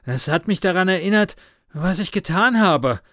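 A man's voice: fairly high pitch, animated, unhurried, fairly bright tone, no echo, pitched above the performer's own voice. A young man gasps for air between words, raised and strained above the narrator's usual voice. He sounds shaken and haunted, an asthmatic pushing himself too hard, as a male narrator acts him out in a read-aloud story. The delivery is close and dry, with no room around it. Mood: desperate. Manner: panting, gasping between words.

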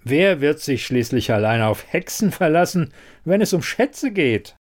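Brief: man voicing a scornful, threatening king, raised pitch, slow, storybook villain. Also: very animated. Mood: mocking. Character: ruthless foreign king, menacing and scornful.

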